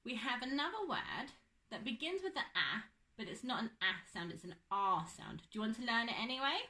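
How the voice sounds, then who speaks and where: A woman's voice: on the high side, big pitch swings, a little fast, bright, forceful tone. A young woman teaching a phonics lesson to children, patient and drawing out her words.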